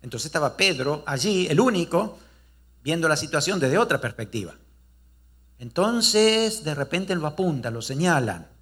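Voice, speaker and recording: A male pastor with a husky voice, pitched a little higher than most men, preaches with animated storytelling. He keeps throwing rhetorical questions out to his listeners. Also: normal speed. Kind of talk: sermon.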